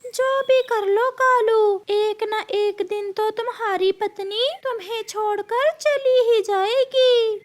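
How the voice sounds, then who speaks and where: A woman's voice: very high voice, fairly even intonation, slow, hardly any pauses, voice pushed up. A woman voicing a teasing, demanding female crow wife in a cartoon story. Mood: taunting. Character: taunting female crow wife, testing her husband.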